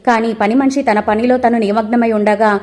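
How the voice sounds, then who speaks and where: A woman's voice: on the high side, a little fast. A woman narrating a recap of a TV serial, telling the story and briefly acting out the characters' lines. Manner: lively, raises voice for quoted lines. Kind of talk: storytelling recap with acted quotes.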